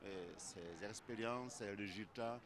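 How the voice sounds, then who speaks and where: A man with a Burkinabe French accent speaks in a very deep voice, hesitating and filling gaps with fillers. A crowd chatters clearly behind him. It is a news interview soundbite. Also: slow.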